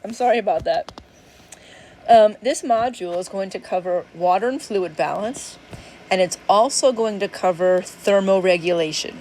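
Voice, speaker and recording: A middle-aged woman teaches from slides in a relaxed, conversational way, pausing and apologizing now and then. Her voice sits in an ordinary middle pitch, with a faint hiss of noise behind it. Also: rough recording. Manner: casual, chatty, apologetic about yawning. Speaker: instructor. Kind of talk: recorded lecture.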